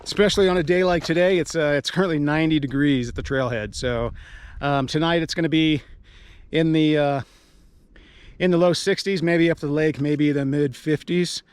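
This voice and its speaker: An American man hosting a casual outdoor vlog, speaking through a face mask in a halting, rambling way. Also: on the high side, fairly even intonation, clear, resonant tone, no room sound. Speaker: outdoor video host. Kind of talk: casual vlog talk to camera. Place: outdoors at a mountain trailhead. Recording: noisy outdoor camera audio.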